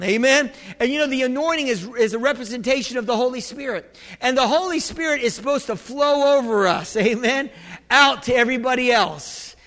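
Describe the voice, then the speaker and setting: A male pastor delivers an emphatic, exhorting sermon in a very high-pitched, bright and forceful voice. He restarts and repeats phrases as he presses his point and prompts the congregation for amens. Long hall reverb trails his words. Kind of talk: church sermon.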